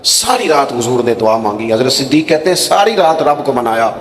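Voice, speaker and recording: A man's voice: mid-range voice, lively intonation. A man, preaching a sermon and telling stories with acted dialogue. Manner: storytelling with dramatic acted quotes. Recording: echoey hall with long reverb.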